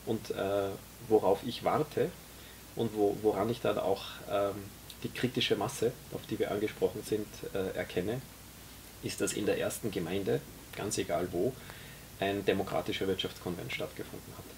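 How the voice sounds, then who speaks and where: In a small tea café, a camera mic a few metres off records a guest, an Austrian author in his forties. His voice is low and gravelly with fairly even intonation, and he lays out his vision at length in casual conversation, hesitating often and using fillers. A faint hiss runs beneath the recording.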